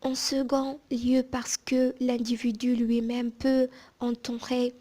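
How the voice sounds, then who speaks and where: A woman reading aloud from a book in a soft, hushed ASMR whisper, like in a library, mostly unvoiced, with careful phrasing and small pauses. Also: a little high, little pitch movement.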